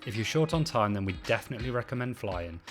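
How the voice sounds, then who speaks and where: A British man giving a measured, scripted voice-over for a travel vlog. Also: medium pitch, expressive. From Britain. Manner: measured, informative. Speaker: travel vlogger, narrator. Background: music.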